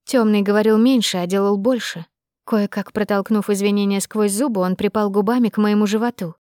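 A woman's voice: mid-range voice, fairly even intonation, a little fast, a little mellow, dry recording, studio quality. Woman narrating a first-person audiobook.

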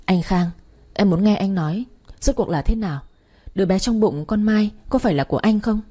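A woman's voice: mid-range voice, a little fast, lightly acted. A woman playing a furious, wronged young wife. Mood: strained calm. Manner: shouting, demanding.

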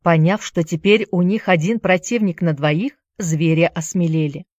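A woman narrating a story in a steady storytelling manner. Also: fairly low pitch, moderate pace, no room sound, lo-fi sound. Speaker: audiobook narrator. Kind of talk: scripted narration.

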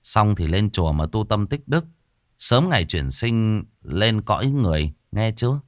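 A man playing a stern young exorcist master who questions a ghost in a low, gruff, clipped voice. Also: big pitch swings, moderate pace, no room sound, studio quality. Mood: stern, pitying.

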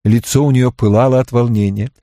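A man narrating a novel as an audiobook in an expressive, measured reading. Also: medium pitch, no echo, clean studio sound.

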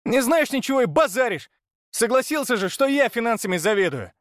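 A man voicing a businessman in an audiobook, screeching and defiant, high-pitched and wildly swinging. He snaps back at anyone who challenges him. The sound is close and dry. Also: sing-song, fairly quick, no echo. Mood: enraged shrieking. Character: shrieking furious middle-aged businessman.

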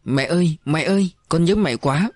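A man's voice: fairly high pitch, lively intonation, fairly quick, darkish tone, no room sound, soft background music, natural voice. A man reading as an emotional young soldier son. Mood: tearful. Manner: earnest, emotional.

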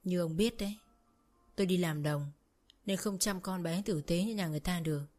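A self-pitying older mother-in-law who wails and dramatizes every complaint, voiced by a woman narrator. She sounds loud and theatrical, full of put-on grief. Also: lowish voice, a little fast, lightly acted. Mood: wailing. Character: weepy manipulative rural older mother-in-law.

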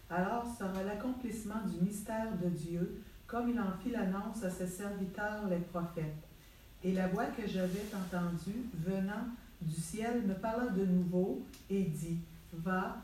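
Mellow woman reading scripture aloud. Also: mid-range voice, slight background noise. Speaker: Bible study participant reading scripture. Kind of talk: reading a Bible passage aloud. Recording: heavy room echo, mic far off.

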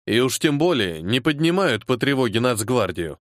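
A man voicing a tired, irritable colonel who heads a security service department, gruff and sarcastic with his subordinate. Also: mid-range voice, big pitch swings, moderate pace, dry recording, clean studio sound, natural voice. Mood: irritated. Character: weary irritable older male colonel, security service chief.

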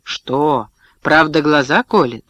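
A man's voice: a little high, takes it slowly, pushed and bright, no room sound. A man voicing a resolute young wife who answers her husband with cold, cutting retorts. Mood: bitter.

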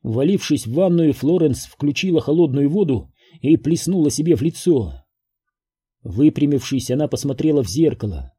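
A man's voice: fairly high pitch, animated, normal speed, mellow, breathy edge. A man narrating a horror audiobook.

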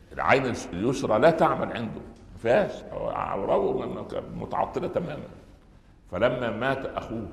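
A man preaching a Friday sermon in Egyptian Arabic, emphatic, swinging between loud high peaks and quiet low passages, asking rhetorical questions and answering them himself. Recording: echoey hall with long reverb.

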